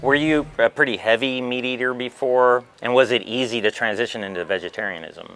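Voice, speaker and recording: Male interviewer, mid pitch, quick, short curious questions, distant from the mic. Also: a bit bright, a little hiss or hum.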